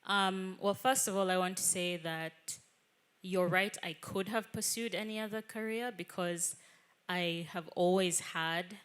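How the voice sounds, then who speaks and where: A young actress speaks as a guest in a casual interview. She is articulate and animated, with a bright, forceful tone. Her voice sits slightly low for a woman. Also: unhurried, clean tone. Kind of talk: conversational interview.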